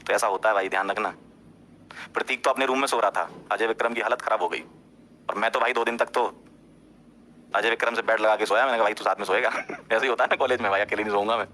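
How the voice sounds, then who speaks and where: A man's voice: quick pace, long pauses, a little hiss or hum. A man, a teacher, casually telling a story to his class, talking straight to his listeners and often checking in with them. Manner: animated, jumps up in pitch when insisting.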